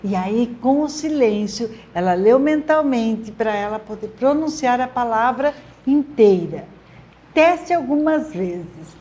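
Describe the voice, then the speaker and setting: A woman who teaches literacy, giving parents encouraging step-by-step tips and often checking in with "tá?" and "né?". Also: high-pitched. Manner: warm, encouraging, lots of "tá?" and "né?" check-ins. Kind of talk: friendly instructional talk to camera.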